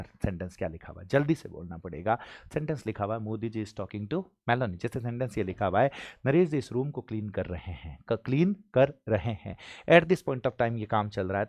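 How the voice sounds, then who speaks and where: A man from India teaching an exam-prep English lesson, pressing students with quick questions and spelling out example sentences slowly. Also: lowish voice, darkish tone, dry recording. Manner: urges students to repeat sentences, drills with rapid questions.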